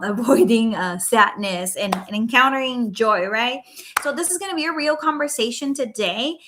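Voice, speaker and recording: On a late-night livestream from home, a Puerto Rican life coach speaks in a voice on the high side, pushed and bright. Spanish is her native tongue, her accent is Puerto Rican Spanish, and her earnest, chatty delivery leans on "um" and "right?" again and again.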